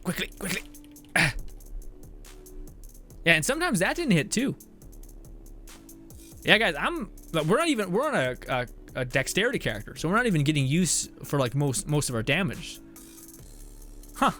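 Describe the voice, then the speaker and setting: A young man chats over his game stream in a rambling, easygoing way, laughing often as he reads out chat messages. His pitch sits a little high for a man and swings about with animation. Faint game music plays under his voice. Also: sing-song, normal speed, pauses often, pushed and bright. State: out of breath at times. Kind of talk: casual live-stream commentary.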